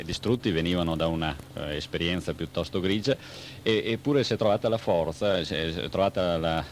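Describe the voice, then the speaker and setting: Deep-voiced man giving sports commentary. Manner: rhetorical, solemn phrasing with repetitions. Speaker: newspaper sports editor as commentator. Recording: noisy 1980s radio recording.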